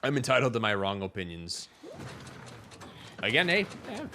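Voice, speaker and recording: A man's voice: fairly low pitch, very animated, normal speed, noisy background. A young adult man from Wisconsin, chatting casually and rambling frankly to his viewers during a gaming livestream. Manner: rambling, frank, talks to chat.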